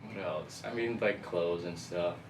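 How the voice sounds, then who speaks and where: Laid-back male guest DJ with a very low voice, heard from a distance over faint background noise. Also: a little slow, roomy sound. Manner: laid-back, loose slang-filled talk. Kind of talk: casual podcast chat.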